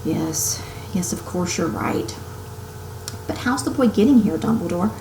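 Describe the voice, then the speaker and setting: A woman's voice: fairly low pitch, lively intonation, unhurried, warm tone, roomy sound, a little hiss or hum, low-quality recording. A woman voicing a stern, skeptical older witch professor in a storybook, proper and emphatic in her questioning. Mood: hesitant, uneasy.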